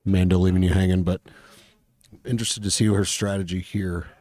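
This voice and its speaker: Deep, dry-sounding male golf commentator. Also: little pitch movement, fairly quick, darkish tone, dry recording. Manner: chatty, offers advice and opinions. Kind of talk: conversational golf match commentary.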